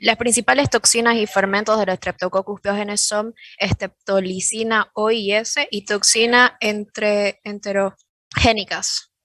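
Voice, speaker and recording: A woman's voice: mid-range voice, fairly even intonation, a little slow, fairly bright tone, no room sound. A woman medical student on a video call, reciting her answer carefully.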